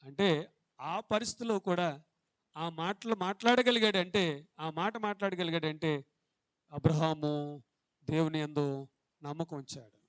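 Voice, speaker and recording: A man preaches a sermon in a fervent way, firing rhetorical question after question at his congregation. His voice sits high for a man, with a smooth, resonant tone. The recording is dry and close. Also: a little slow, pauses often, no room sound. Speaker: bishop preaching.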